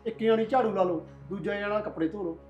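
A man playing an easygoing husband who tries to calm his wife and asks for his meal. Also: high voice, quick pace, lo-fi sound, lightly acted. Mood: placating. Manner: soothing, placating. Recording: echoey room with music.

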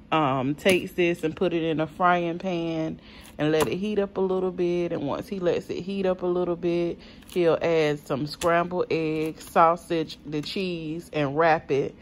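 Lady vlogger, chatty and slow, lots of ums, little bit of background hum. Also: sits low. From South Carolina. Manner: chatty, unhurried, many ums, addresses viewers as y'all. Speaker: vlogger showing a grocery haul. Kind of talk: casual chat to viewers.

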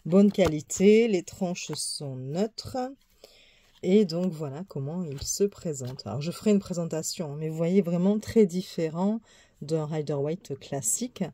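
Low, mellow-voiced chatty woman. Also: unhurried. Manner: chatty, easygoing, many fillers and small laughs. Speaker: tarot YouTuber. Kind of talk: casual show-and-tell deck review.

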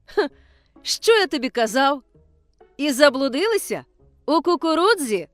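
A woman doing a tipsy, jeering village man from a storybook, stretching his words as he mocks two boys. The voice is pitched high and loud, with wide swings. It is close and dry. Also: sing-song, measured pace, dry recording, faint music behind. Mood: mocking. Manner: mocking, guffawing, drawn out. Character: tipsy mocking middle-aged village man.

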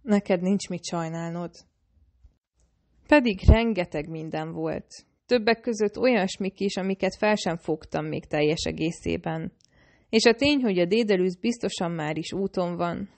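Low-voiced woman narrating an audiobook. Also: gravelly, a little mellow. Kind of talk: scripted first-person narration.

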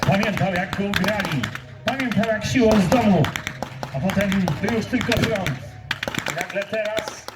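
A man narrates a wartime story with grave, theatrical pauses and a fairly high voice. He is heard from afar through an outdoor loudspeaker, his words echoing over loud music. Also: recorded from a distance. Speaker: reenactment narrator. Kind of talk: dramatic scripted narration. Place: outdoor battle reenactment field.

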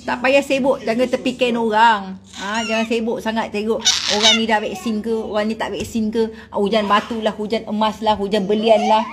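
A woman's voice: fairly high pitch, moderate pace, few pauses, noisy background. Blunt Malaysian woman ranting. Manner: blunt, scolding, animated. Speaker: celebrity vlogger. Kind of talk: casual rant to followers.

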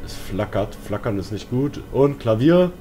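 A man streams a horror game let's play, speaking a little slowly in a mellow, expressive, medium-pitched voice. He mutters to himself with casual, slangy remarks while spooky game music and sounds fill the background.

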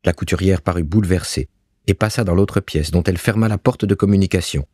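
A man narrating a story in a measured, expressive way. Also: sits low, breathy edge, no echo, studio quality.

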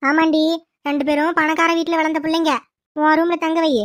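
A woman's voice: very high voice, flat delivery, brisk, no echo, clean studio sound. A woman voicing a scheming, bossy mother-in-law in a cartoon, barking orders at her daughter-in-law. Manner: commanding, scolding servants. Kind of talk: cartoon voice acting.

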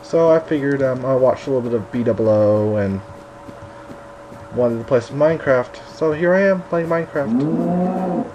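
A man's voice: medium pitch, normal speed, highs cut off, background noise. A man hosting a casual game commentary, chatty and rambling with a self-mocking streak, a little tired late at night. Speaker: gaming video host.

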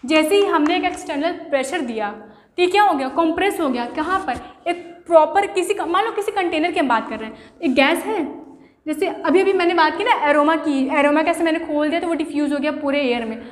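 A woman's voice: high-pitched, animated, fairly quick. A woman teacher giving a classroom science lesson, explaining with everyday examples and asking rhetorical questions. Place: room. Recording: echoey room with long reverb.

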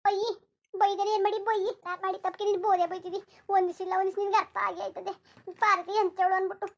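A very high, piercing voice of a resentful village wife, as a woman acts her out. She rattles off her complaints at a breakneck clip. It is a cartoon quarrel voice, sharp-tongued and aggrieved. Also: little pitch movement. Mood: resentful scolding. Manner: scolding, resentful, rapid. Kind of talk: cartoon voice acting.

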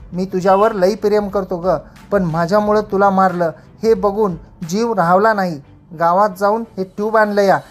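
A woman's voice: medium pitch, natural voice. A woman reading as a sorry young village lover. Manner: apologetic rustic speech. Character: remorseful young village man writing a letter.

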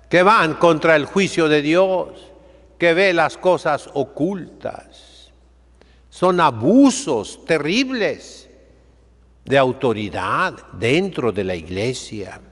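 An older man delivers a Sunday sermon from his chair beside the altar, his pace slow and deliberate. His slightly high voice rises and falls in wide, lively arcs, and a long church reverb trails each phrase. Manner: slow, emphatic preaching with sweeping rises and drops. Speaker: priest. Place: chapel sanctuary, seated by the altar.

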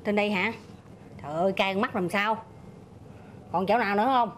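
A woman's voice: medium pitch, a little fast, soft background music, natural voice. An actress playing a middle-aged village neighbor with a Southern Vietnamese accent, motherly and lecturing. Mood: fussing. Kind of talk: rural comedy film acting.

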